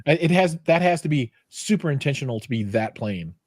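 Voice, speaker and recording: A man's voice: on the high side, animated, fairly quick, darkish tone. A man co-hosting a casual chat, easygoing and thinking aloud. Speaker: co-host.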